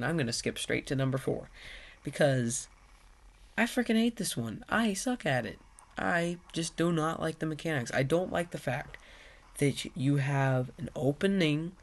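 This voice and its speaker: A man playing a horror game and talking over it in rambling, self-mocking commentary, easily frustrated. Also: medium pitch. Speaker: gaming video host. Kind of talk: let's play commentary. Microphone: desk mic with face cam.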